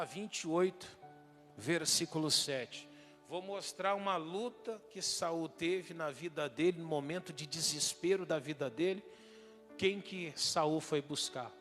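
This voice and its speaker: Fervent male pastor in a hall. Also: fairly high pitch. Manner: lively preaching, rising loud for emphasis, asks the congregation questions. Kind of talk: sermon. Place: church hall.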